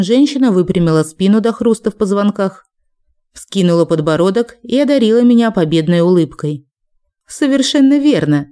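A woman reads a first-person story aloud as an audiobook narrator. Her voice sits low for a woman and has a warm, mellow darkness. She keeps a steady, even storytelling manner.

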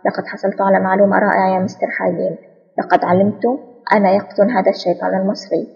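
A woman's voice: medium pitch, level tone, racing, vocal fry, husky, in a large hall, highs cut off. A woman reading as a triumphant male agent. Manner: eager and triumphant. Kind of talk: audiobook spy novel reading.

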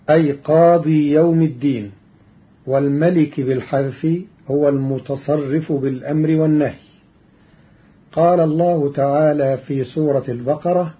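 A man giving a formal scholarly explanation of Quran readings in a measured, deliberate way, on a dull lo-fi recording. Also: on the high side. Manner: measured and deliberate, chanting quoted verses.

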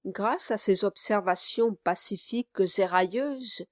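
A woman narrating a classic novel as an audiobook in a measured, even storytelling voice. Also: medium pitch, no room sound, studio quality.

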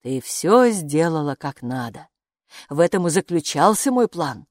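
A woman's voice: low-pitched, big pitch swings, no room sound, studio quality. Woman doing a sly, know-it-all talking bathrobe. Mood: sly patronizing. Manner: unhurried, patronizing, calls her "friend".

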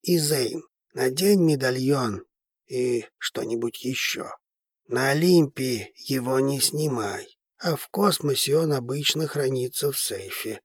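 A man voicing a calm, commanding old grandfather in an audiobook, speaking in a measured, soothing way. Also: mid-range voice, breathy edge, no echo, clean studio sound. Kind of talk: audiobook character reading.

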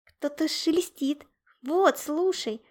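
Woman voicing a storybook boy steam engine, excited, loud, a little high. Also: a little slow. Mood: scared. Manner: wide-eyed, loud and excited, whispers when scared.

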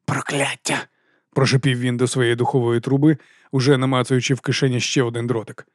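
A man's voice: medium pitch, no room sound. Man narrating an audiobook, dry sound. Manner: measured, expressive reading. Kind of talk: scripted narration.

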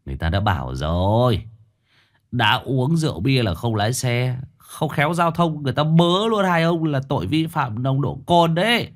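A man's voice: sits low, sing-song, moderate pace. A man voicing a weary, tipsy middle-aged male master who scolds in a slurred voice. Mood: slurred scolding.

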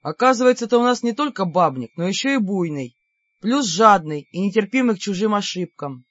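Narrator playing a calm, wry older brother, dry teasing and stern reproach, slightly dull audiobook sound. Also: mid-range voice, a little fast, no room sound.

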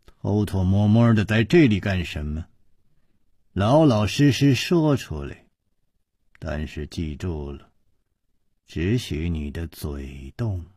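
A man voicing a cold, hard, furious woman in a spoken storytelling piece, low and sometimes hissing. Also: animated, slow, long pauses, a little mellow, husky, no echo, studio quality, heavily acted. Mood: cold threat.

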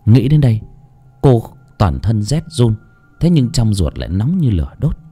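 A man's voice: medium pitch, very animated, normal speed, dark tone, slightly rough. A man narrating a horror story in a dramatic storytelling voice. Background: faint background music.

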